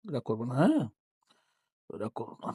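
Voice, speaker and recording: A man's voice: medium pitch, wildly swooping pitch, a little fast, warm tone, husky, no echo. Guy vlogging, teasing and scolding his pet all playful, dry close sound. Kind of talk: casual vlog talk to a pet.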